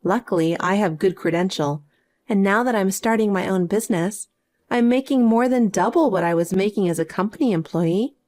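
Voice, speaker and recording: A woman voicing a calm, self-assured adult younger sister who speaks matter-of-factly. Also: mid-range voice, normal speed, voice pushed down, close to an everyday voice. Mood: explaining. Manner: cool and matter-of-fact.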